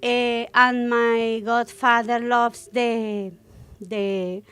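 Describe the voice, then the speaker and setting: A woman's voice: on the high side, little pitch movement, very slow, a bit bright, clear, resonant tone. A Spanish-native woman, a flamenco dancer interviewed as a guest, talking hesitantly and searching for English words with many fillers. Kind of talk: interview conversation.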